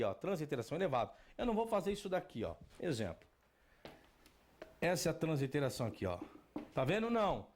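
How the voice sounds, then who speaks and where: A Brazilian man teaching at a whiteboard, drilling pronunciation aloud and asking and answering his own questions. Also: sits high. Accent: Brazilian Portuguese. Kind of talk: whiteboard lesson. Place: classroom at a whiteboard.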